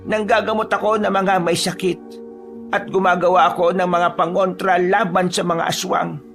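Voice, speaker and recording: A man voicing a wise old female village healer in a calm, knowing storytelling tone. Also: high-pitched, normal speed, creaky, faint music behind, voice pushed up. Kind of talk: storytelling voice acting.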